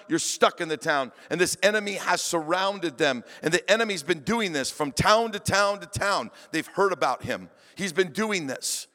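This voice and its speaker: A male pastor with a high-pitched voice preaches, retelling a story with vivid, animated energy. His voice rings through a church with long reverb. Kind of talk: sermon storytelling. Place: church hall. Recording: long reverb of a large hall.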